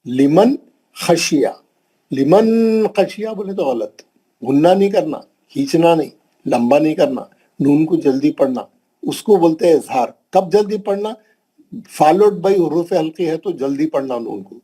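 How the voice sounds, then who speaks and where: A man's voice: on the high side, lively intonation, measured pace, dark tone, husky, rough recording. A man teaching Quran recitation rules in a classroom lesson, patiently repeating each example and drilling the pronunciation. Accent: Hyderabadi. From India.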